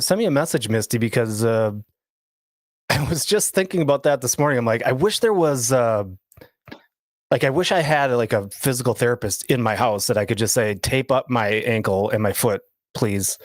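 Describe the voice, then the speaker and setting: A man's voice: medium pitch, no echo, clean studio sound. A man in his forties co-hosting a podcast, chatting casually in a rambling, self-mocking way. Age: 40s. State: sore foot. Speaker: podcast co-host. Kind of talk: casual chat.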